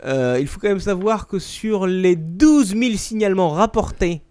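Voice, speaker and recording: A man's voice: high-pitched, expressive, moderate pace, a little mellow, dry recording. A man hosting a casual podcast, reading odd news items with frequent laughs. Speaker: podcast host.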